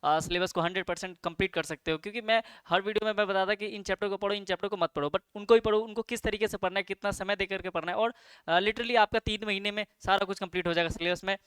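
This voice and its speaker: A young man talks students through a study plan in a loose, chatty way, stumbling over fillers and correcting himself as he goes. His voice is high, crisp and clear, and he talks fast. The sound is dry and close, with no room echo. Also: steady tone, fairly bright tone. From India. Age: young adult. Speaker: student tutor giving exam study advice. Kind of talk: casual study-plan talk to camera.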